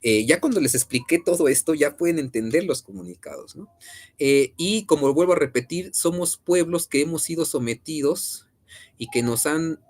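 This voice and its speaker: A man with a Mexican accent teaching an online class, conversational and full of fillers and question tags. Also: mid-range voice.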